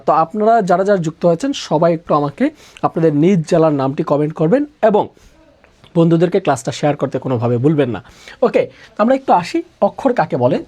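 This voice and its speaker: গাঢ় কণ্ঠের পুরুষ শিক্ষক, live class. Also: male voice, on the high side, mellow. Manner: repetitive call-and-response questioning; uses filler "আহ" often. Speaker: teacher. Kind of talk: live online class lecture.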